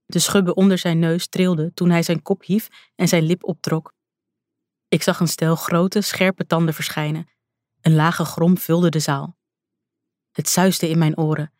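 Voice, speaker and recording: An audiobook narrator with a medium-pitched voice tells a first-person fantasy story in a tense, dramatic way. The recording is dry, with close studio sound.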